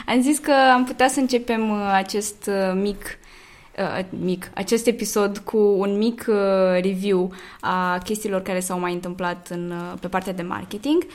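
A woman's voice: mid-range voice, steady tone. Chatty young woman, hesitant. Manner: hesitant, many fillers, frequent laughs. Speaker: podcast co-host. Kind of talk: casual chat.

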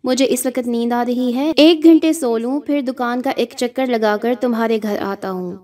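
A woman's voice: on the high side, mellow, lightly acted. A woman reading a cheerful middle-aged uncle. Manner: cheerful, reassuring. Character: middle-aged uncle, cheerful, tired after a long night.

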